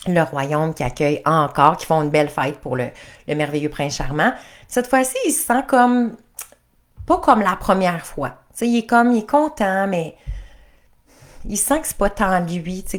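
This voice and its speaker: A woman with a Quebec French accent, a coach telling a story in a chatty, animated way with many restarts. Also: lowish voice. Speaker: life and couples coach.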